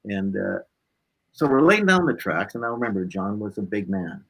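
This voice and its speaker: His voice is on the low side, at a normal speed, with vocal fry and a slight roughness, and the audio is poor. As an interview guest, this blues musician tells personal anecdotes casually and animatedly, acting out dialogue and tagging phrases with "right?".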